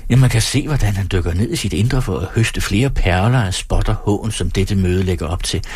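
A man narrating a story in a calm, dry manner. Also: low-pitched, slightly rough, no echo. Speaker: audiobook narrator. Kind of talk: scripted narration.

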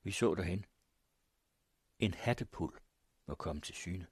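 A man narrating a first-person story in a measured, grave manner. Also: low-pitched, slightly rough, dry recording, studio quality. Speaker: audiobook narrator.

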